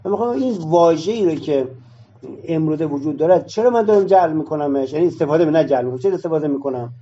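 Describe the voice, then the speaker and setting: Man debating, asks himself questions, dark husky voice, muffled recording. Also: fairly high pitch. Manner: argumentative, explains with rhetorical questions. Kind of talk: debate in a discussion session.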